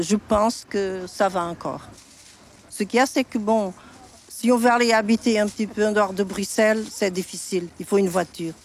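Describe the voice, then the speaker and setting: Older woman, gravelly and frank. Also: mid-range voice, a little hiss or hum. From Portugal. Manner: frank, plain-spoken, opinionated. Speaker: interviewee. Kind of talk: street interview.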